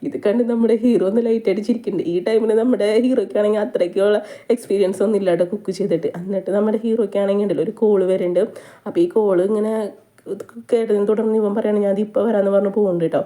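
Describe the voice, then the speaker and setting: Fast-talking Malayali woman recapping a drama. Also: medium pitch, steady tone, warm tone. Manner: rapid chatty retelling, frequent tag "ട്ടോ". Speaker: movie recap narrator. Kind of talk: casual storytelling recap.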